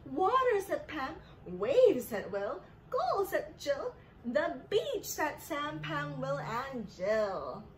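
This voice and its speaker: In a rough recording with slight background noise, a woman in her thirties reads to children in a living room, her high voice swinging widely in pitch. She takes it slowly in a sing-song story-time style, teaching as she asks simple questions.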